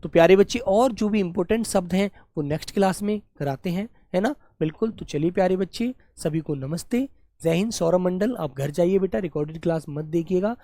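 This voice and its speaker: A woman teaching a live online Hindi class, calling her students "beta" and reading word pairs slowly, often clearing her throat. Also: fairly low pitch, mellow, dry recording, studio quality.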